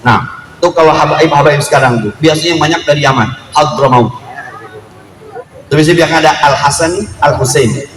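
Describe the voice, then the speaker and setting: A man preaching a storytelling sermon at a family celebration, lively and joking, acting out quotes in street slang. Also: fairly high pitch, fairly quick, a crowd in the background. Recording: echoey room with faint ambience.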